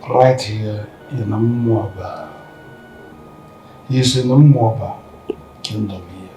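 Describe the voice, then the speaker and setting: An actor with a Nigerian accent playing a father who slowly confesses hiding his son. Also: lowish voice, warm tone, reverberant, faint music behind. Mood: confessing. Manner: slow, confessional.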